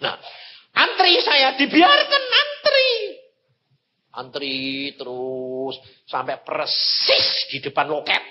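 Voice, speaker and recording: A male evangelist preaching a sermon, telling a humorous personal story and jumping between shouts and low asides. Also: huge pitch swings, slow pace. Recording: dull lo-fi sound, faint background noise.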